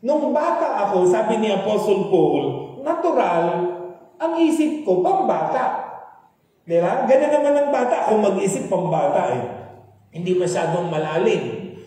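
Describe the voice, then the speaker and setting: A man's voice: high-pitched, big pitch swings, measured pace, dark tone. A man with a Filipino accent preaching a sermon in a conversational way, often asking his listeners "di ba?" and mixing in English. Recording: echoey hall, speaker far from mic.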